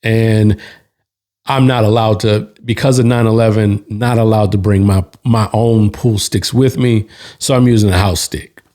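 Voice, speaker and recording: A man hosting, telling a bar story in a relaxed, slangy way with restarts and asides. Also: fairly low pitch, unhurried. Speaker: host. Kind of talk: casual storytelling.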